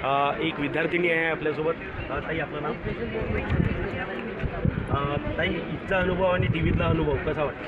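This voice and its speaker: Male street reporter, a bit high, brisk questions, dull audio. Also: steady tone, heavy background noise. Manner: brisk questions with hesitant fillers. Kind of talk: street interview. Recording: dull audio, loud crowd outdoors.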